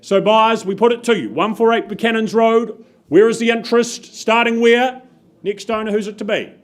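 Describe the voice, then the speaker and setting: A New man working as an auctioneer, calling bids in brisk, upbeat patter, his voice a little muffled by a face mask. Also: sits high. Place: auction room.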